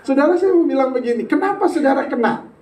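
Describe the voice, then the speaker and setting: A man's voice: very high-pitched, animated, quick pace, darkish tone. A man preaching a sermon as pastor, joking and bantering with the congregation and slipping into casual slang. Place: church sanctuary. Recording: echoey church hall, heard from a distance.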